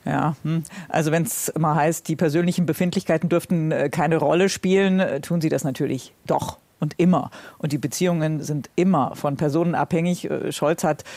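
A woman's voice: deep voice, steady tone, normal speed, few pauses, darkish tone, no room sound. A woman news correspondent answering interview questions spontaneously in a colloquial, opinionated way.

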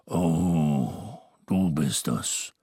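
Deep gravelly old santa, slow and grumbly, kinda husky. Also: male voice, expressive, dark tone, no echo, clean studio sound, heavily acted. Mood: dismissive. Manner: slow, reluctant, hesitant grumbling. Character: gruff old Father Christmas, weary and grumbling. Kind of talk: audiobook character voice.

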